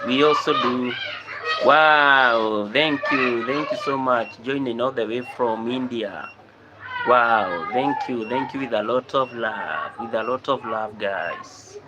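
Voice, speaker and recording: A man's voice: medium pitch, slow pace. A Kenyan man hosting a casual live stream, greeting viewers by name and repeatedly asking them to like and subscribe, talking into a computer microphone. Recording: loud background noise.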